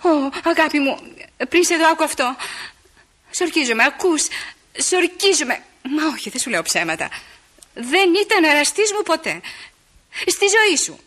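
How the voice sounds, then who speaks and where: An actress in a radio play voicing a flirtatious, theatrical lady of the house, lively and coquettish in manner. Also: high-pitched. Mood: tender pleading. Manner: lively, coquettish, quick mood swings. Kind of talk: 1960s Greek radio theater acting.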